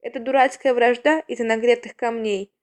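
A woman voicing a tired mother cat in a storybook, speaking quietly and tenderly. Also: a little high, steady tone, fairly quick, natural voice.

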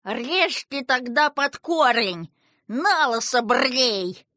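A woman voicing a quick-tempered old male river king who grumbles and shouts, as an audiobook character. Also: on the high side, lively intonation, dry recording, clean studio sound, voice pushed up, full character voice. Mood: angry. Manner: gruff, grumbling, shouting when angry.

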